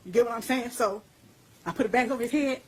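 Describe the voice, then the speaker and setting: A woman's voice: a little high, quick pace, husky, rough recording. A woman being interviewed, speaking intensely and bluntly, with coarse language and a voice that climbs when she gets heated. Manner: intense, blunt and profane, voice rising as she recounts. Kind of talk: recorded interview.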